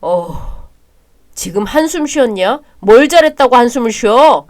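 A woman's voice: mid-range voice, moderate pace, a little hiss or hum, lightly acted. A woman doing a hot-tempered bullying young husband. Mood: angry. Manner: shouting, bossy and harsh.

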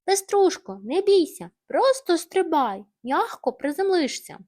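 A woman's voice: on the high side, big pitch swings, moderate pace. A woman voicing a cheerful, brave little boy tractor in a bedtime storybook, eager and exclaiming.

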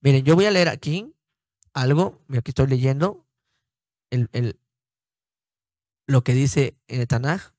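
An older man teaching scripture informally, slow and deliberate, repeating words as he explains them. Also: medium pitch, darkish tone, no room sound. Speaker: Bible teacher.

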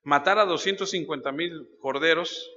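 Male pastor, sermon; high bright voice, storyteller who quizzes the congregation; dull lo-fi sound in a long-reverb church hall. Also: normal speed. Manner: storytelling, addresses listeners directly with questions.

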